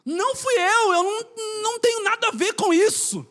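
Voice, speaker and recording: Male preacher doing an arrested man, high and whiny, protesting innocence. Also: moderate pace, a bit bright. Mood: pleading.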